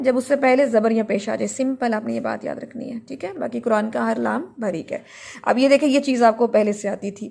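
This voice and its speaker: A woman's voice: on the high side, gravelly, darkish tone. A woman teaching tajweed in a recorded lesson, explaining patiently and drawing out words to model them.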